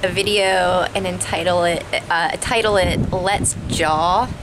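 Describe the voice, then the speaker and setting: A woman's voice: fairly low pitch, fairly even intonation, a little slow, background noise. A woman in her thirties chatting casually to camera, talking carefully through a swollen, sore jaw as if after dental trouble. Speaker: vlogger. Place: outdoors on a house porch. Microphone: camera at arm's length.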